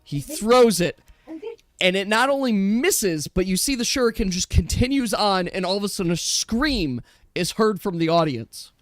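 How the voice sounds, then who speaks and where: A man's voice: sits high, lively intonation, normal speed, no echo. A man acts as game master for a tabletop game. He shifts between dramatic storytelling and casual asides to the players. The sound is close and dry.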